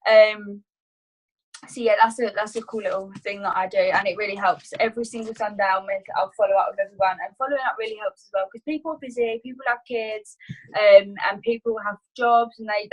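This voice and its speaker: A woman's voice: medium pitch, fairly even intonation, a little fast, poor audio. A woman talking casually on a video call, sharing her business tips as a guest trainer, chatty, with many fillers and restarts. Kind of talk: casual online training talk.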